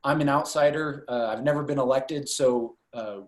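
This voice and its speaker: A man's voice: mid-range voice, fairly even intonation, moderate pace, echoey room, poor audio. A man running for Congress from Iowa, answering voter questions on a video call, talking with many fillers and restarts. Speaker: congressional candidate.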